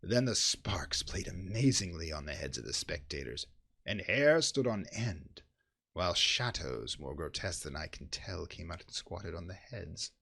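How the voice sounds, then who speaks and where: A deep-voiced man with a breathy edge reads a horror story in a theatrical, dramatic way. His delivery is intense and brooding, rising from hushed passages to loud ones.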